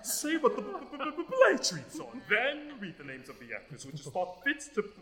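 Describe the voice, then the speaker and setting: A man's voice: high voice, huge pitch swings, a little fast, a bit bright, heavily acted. An actor playing a boastful male weaver and eager amateur actor who stammers on his p sounds and speaks in a grand, theatrical manner. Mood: blustering. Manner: stutters on p sounds, bombastic and theatrical. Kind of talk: stage acting of a classic comedy. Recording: echoey hall with faint music.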